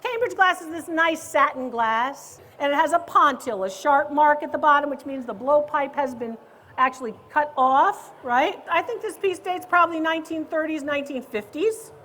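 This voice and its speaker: A woman who appraises antiques and hosts a comedy show, teasing and ribbing her audience loudly and playfully on a live stage. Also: high voice, moderate pace. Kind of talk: live stand-up style crowd banter.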